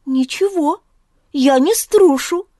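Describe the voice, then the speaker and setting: A woman's voice: high-pitched, slow, dark tone, no echo, studio quality, voice pushed up. A woman voicing a timid, kind-hearted boy who speaks earnestly and politely in a storybook reading.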